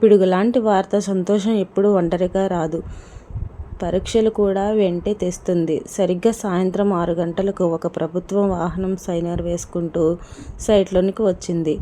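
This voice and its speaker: A woman reads a dramatic story aloud in a scripted narration style. Her voice sits low with a mellow, dark tone, over a faint hum of background ambience. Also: steady tone, moderate pace.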